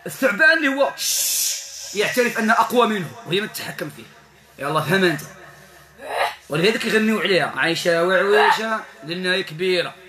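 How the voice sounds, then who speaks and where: High-voiced Moroccan man commanding a spirit. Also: animated, fast, pauses often, roomy sound. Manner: commanding, interrogating, with Quran recitation. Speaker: ruqya healer. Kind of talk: exorcism session, questioning a spirit.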